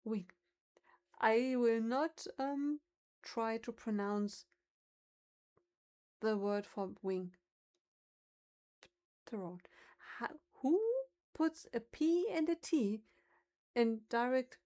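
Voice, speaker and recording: This woman's voice is on the high side with a darkish tone. A native German speaker with an accent to match, she chats casually during a livestream and ponders out loud how words should be pronounced.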